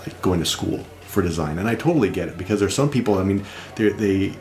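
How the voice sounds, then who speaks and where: A man's voice: deep voice, lively intonation, fast, darkish tone, soft background music. A man talking casually as an interview guest, reflective and rambling with restarts. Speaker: guest designer. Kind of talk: casual conversation.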